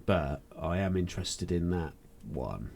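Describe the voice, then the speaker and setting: Male co-host, young, very deep voice, jokey banter. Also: expressive, creaky, darkish tone. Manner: jokey banter, quick teasing asides. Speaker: podcast co-host. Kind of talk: casual chat.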